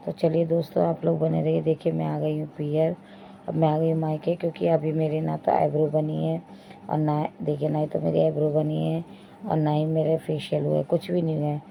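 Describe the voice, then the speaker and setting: Low, flat, gravelly-voiced woman vlogging. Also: fairly quick. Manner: chatty, addresses viewers directly, repeats "dekhiye". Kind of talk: casual vlog narration. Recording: dull lo-fi phone audio with faint noise.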